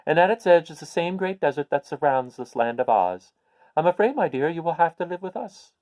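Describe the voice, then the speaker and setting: A man voicing a kindly little old woman, a good witch from a storybook, speaking in an emphatic, deliberate way. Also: on the high side, very animated, darkish tone, dry recording, voice pushed up. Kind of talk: storybook character voice.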